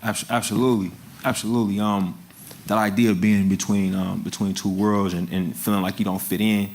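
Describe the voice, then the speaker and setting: A film director, speaking in a fairly low voice, is the guest in a relaxed, casual interview. His answers are halting, with frequent stumbles and restarts, fillers like "you know," and regular bursts of laughter.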